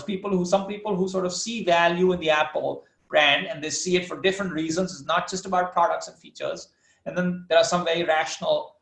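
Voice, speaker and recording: Echoey professor fielding student questions. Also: male voice, fairly high pitch, vocal fry, a bit bright. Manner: thoughtful, with frequent fillers and restarts. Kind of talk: online lecture answering student questions.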